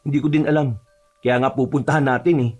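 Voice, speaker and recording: A man's voice: mid-range voice, fairly even intonation, fast, soft background music. A man narrating an audio horror story and voicing its earnest lead character.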